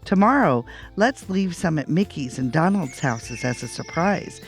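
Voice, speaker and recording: A man voicing a sweet, gentle young female cartoon mouse, earnest and reassuring, in a storybook reading. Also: a little high, lively intonation, a little slow, faint music behind. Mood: cheerful.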